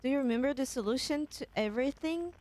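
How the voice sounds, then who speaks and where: A woman's voice: sits high, fast talker, darkish tone. A young woman streaming a game, musing aloud and asking herself questions as she plays. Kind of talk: casual gameplay commentary.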